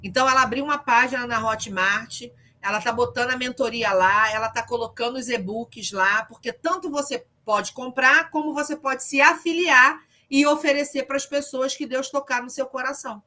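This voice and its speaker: A woman's voice: high-pitched, pushed and bright. A woman leading an online discipleship group, preaching informally with humor and telling testimonies over a video call.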